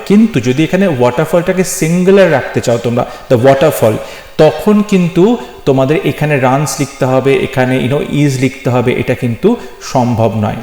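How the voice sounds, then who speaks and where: A man teaching an English grammar lesson, patiently explaining rules and slowing down to spell out example phrases. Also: on the high side, darkish tone. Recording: echoey room with long reverb.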